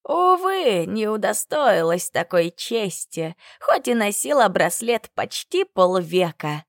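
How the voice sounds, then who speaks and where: A woman voicing a kind, sly elderly grandmother who speaks slowly and tenderly, lower than her narrating voice. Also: very animated, dry recording, studio quality.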